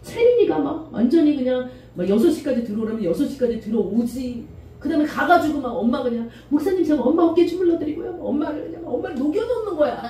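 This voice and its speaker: A middle-aged woman pastor preaching a sermon, animated and often acting out the voices of the people in her stories. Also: high-pitched, fast. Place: church sanctuary. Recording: echoey church room from a distance, faint noise.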